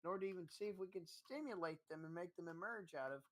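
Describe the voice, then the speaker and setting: Somewhat high-voiced man, blunt and profane. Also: fast talker, a crowd in the background. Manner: blunt, profane, stammering restarts. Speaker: co-host. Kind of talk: casual stream commentary.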